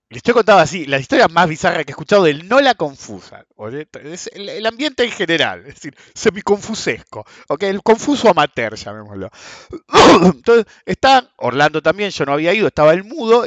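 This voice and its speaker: A man with an Argentine accent, hosting a podcast and telling anecdotes in a casual way, often clearing his throat and chuckling as he goes. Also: a little high, fairly bright tone, dry recording. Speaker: podcast host. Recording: dull lo-fi dry sound.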